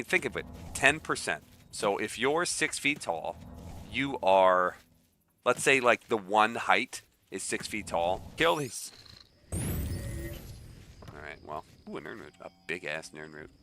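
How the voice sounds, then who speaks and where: Male streamer, nasal and a little congested, joking casual chat, bright tone. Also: lowish voice, slight background noise. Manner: chatty, joking, reacting aloud. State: a bit stuffy with a cold. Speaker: game streamer.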